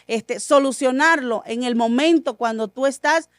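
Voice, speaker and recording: High-voiced woman giving an earnest testimony. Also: normal speed, no echo, studio quality. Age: adult, mother of a school-age son. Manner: earnest, acts out quoted dialogue. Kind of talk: conversational faith testimony. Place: radio studio.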